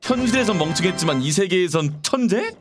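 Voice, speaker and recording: Jumpy guy in his 20s narrating a horror game, shouts at characters, music playing. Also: sits high, lively intonation, fairly quick. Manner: jumpy, talks to the game characters, yells when startled. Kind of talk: casual gameplay commentary.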